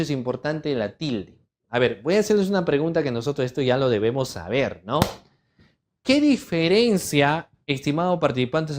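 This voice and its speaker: A middle-aged man teaching an online legal writing lesson, listing terms in a measured cadence and checking in with students with rhetorical questions. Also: mid-range voice. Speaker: writing workshop instructor.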